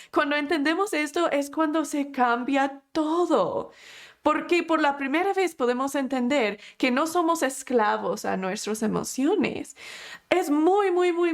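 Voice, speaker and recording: A woman, teaching a class on emotions in an expressive way, often correcting herself mid-sentence. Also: fairly high pitch. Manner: expressive, acts out quotes, frequent self-corrections. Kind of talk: lesson.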